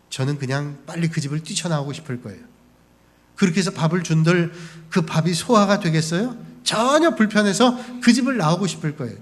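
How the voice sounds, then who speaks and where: A man preaching as a pastor, telling the story and briefly acting out the people in it. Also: high voice. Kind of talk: sermon. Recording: long hall reverb.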